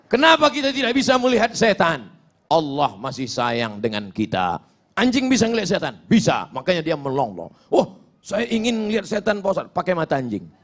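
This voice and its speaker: A man's voice: a little high, huge pitch swings, a little fast, a bit bright. A man giving a humorous sermon as a preacher, acting out little dialogues and chanting Arabic verses.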